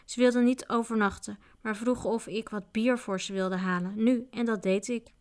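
A sniveling male inn servant, voiced by a woman reading a storybook squeals and whimpers in a thin, raised voice. The tone stays smooth and clean throughout. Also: a little high, steady tone, moderate pace, natural voice. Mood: sullen. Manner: whimpering, cries out in pain. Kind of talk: audiobook character voice.

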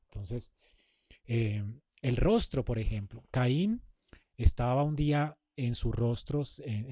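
Man, preacher, conversational sermon, warm mellow voice, dry close sound. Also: mid-range voice, dry recording. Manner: conversational, acts out sample replies to a spouse. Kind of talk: sermon on marriage communication.

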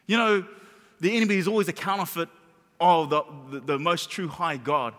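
A middle-aged man preaching a sermon as pastor, emphatic, repeating words and dropping into soft whispers. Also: on the high side, normal speed. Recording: long hall reverb.

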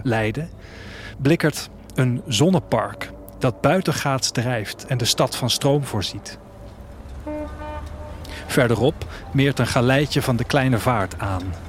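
Recorded in a studio with music behind him and a little hiss or hum, a man with a medium-pitched, everyday-sounding voice performs a reflective, literary first-person narration. His character in the audio drama is a wistful, restless traveller departing his future city.

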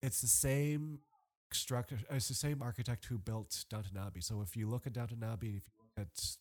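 Here a man with a mid-range voice speaks at a moderate pace as a podcast guest. Chatting casually, he spins animated stories that ramble, often restarting and leaning on fillers.

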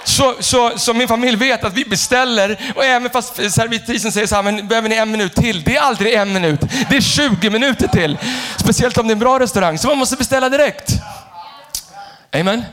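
A male pastor preaching an animated sermon, jumping from shouted lines to quiet asides. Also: extremely high pitch. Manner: animated, shifts between shouting and hushed asides. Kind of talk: energetic sermon.

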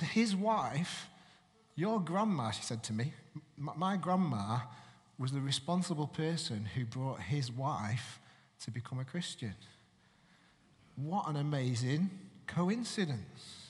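Man preaching in a hall. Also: fairly high pitch. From Manchester, England. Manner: conversational, chatty preaching with questions to the congregation. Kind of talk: sermon.

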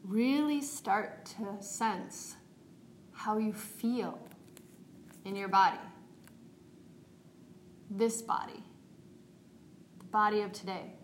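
A woman yoga teacher leading a guided meditation in a calm, meditative, unhurried tone. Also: mid-range voice. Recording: roomy echo, faint background noise.

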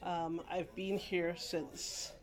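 A middle-aged woman from England, who grew up partly in Guyana, tells her life story in a rambling oral history interview at a library, restarting often and laughing. Her voice is fairly low and level in tone, and she speaks extremely slowly.

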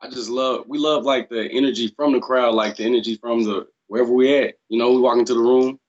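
A man's voice: mid-range voice, steady tone, fast talker. A young man chiming in as a guest, laid-back, over the phone. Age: young adult. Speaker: guest artist. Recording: dull phone-line sound.

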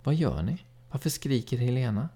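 A man's voice: mid-range voice, very animated, warm tone, breathy edge, pitched above the performer's own voice. A man voicing a blunt, teasing older brother, a boy.

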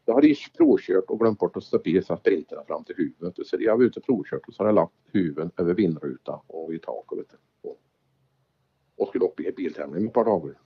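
A man's voice: deep voice, sing-song, creaky, slightly rough. A man telling rally anecdotes in casual chat, acting out the exchanges he quotes. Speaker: former rally driver telling stories. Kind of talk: casual storytelling. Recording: dull lo-fi recording.

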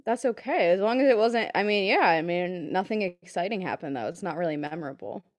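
A woman's voice: on the low side, lively intonation, a little fast, dry recording. Laid-back, blunt young woman, dryly recorded. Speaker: podcast co-host. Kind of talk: casual podcast chat.

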